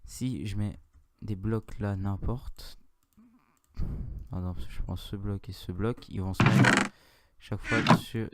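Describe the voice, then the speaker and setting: A man's voice: on the low side, fairly even intonation, slow, pauses often, very noisy. A man with a French accent giving a casual, rambling game tutorial, correcting himself and chatting in asides. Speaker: Minecraft tutorial youtuber. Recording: audible mouse and keyboard clicks.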